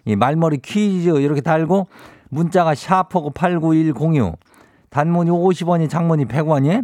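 A man's voice: on the high side, moderate pace, darkish tone, no room sound, studio quality. A man with a Chungcheong Korean accent hosting a radio show, reading listener messages aloud and giving teasing, homespun advice in a drawling, folksy way. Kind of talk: folksy radio call-in chat.

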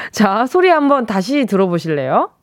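A woman's voice: medium pitch, big pitch swings, takes it slowly, no echo. A young woman radio DJ in a studio, reading out listener messages in a playful quiz chat and mimicking the sounds they describe. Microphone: studio microphone.

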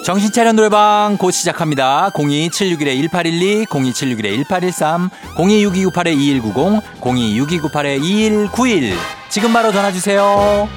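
A man with a slightly high voice hosts a morning radio show. He delivers quiz and giveaway announcements in an upbeat, punchy announcer style, with music clearly playing behind him. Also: expressive, fairly quick, hardly any pauses.

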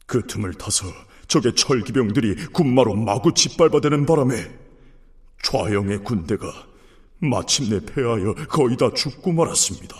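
A man's voice: medium pitch, animated, moderate pace, lightly acted. An actor playing a solemn, deferential official in a historical drama, formally reporting to his king in archaic speech.

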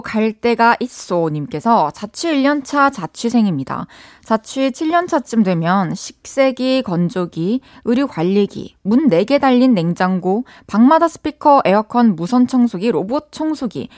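Lively Korean woman radio host, dry studio. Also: on the high side, unhurried, hardly any pauses, no room sound. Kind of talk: casual radio chat.

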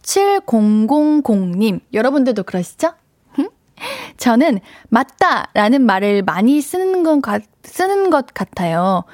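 A woman's voice: a little high, big pitch swings, a little slow, darkish tone, dry recording, studio quality. A woman radio DJ chatting playfully as she reads out listener messages on a live show. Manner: playful, chatty, tries out dialect phrases. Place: radio studio. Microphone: studio mic.

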